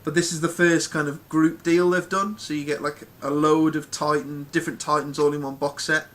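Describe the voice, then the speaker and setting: A man's voice: on the high side, flat delivery, normal speed, fairly bright tone. A man hosting a casual live chat, rambling with plenty of ums and restarts. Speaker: podcast host.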